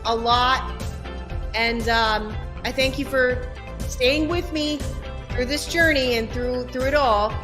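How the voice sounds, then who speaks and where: A woman's voice: high voice, fairly even intonation, slow pace. A woman talking casually and emphatically straight to her viewers as a host, her voice echoing around a bare room. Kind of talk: casual direct-to-viewer advice talk. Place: echoey room without carpets or soundproofing. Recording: echoing bare uncarpeted room, faint music.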